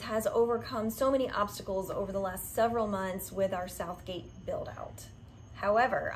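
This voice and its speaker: A woman's voice: mid-range voice, slight background noise, low-quality recording. Earnest woman yoga teacher outdoors. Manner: warm, heartfelt, earnest. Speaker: yoga studio owner. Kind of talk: direct-to-camera update. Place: covered outdoor patio by greenery.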